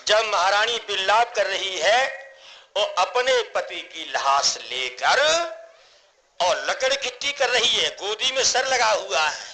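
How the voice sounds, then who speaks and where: A man's voice: sits high, very animated, slow, bright, forceful tone, poor audio. A middle-aged man tells a devotional katha in a declamatory way, repeating phrases for emphasis. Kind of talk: devotional katha narration with sung laments.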